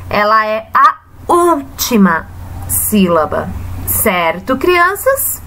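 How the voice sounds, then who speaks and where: Slow, sing-song Brazilian woman teacher. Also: a little high, big pitch swings, sharp tone, slight background noise. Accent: Brazilian Portuguese. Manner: slow, sing-song teacher talk, drawing out example words. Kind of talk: recorded remote grammar lesson for children.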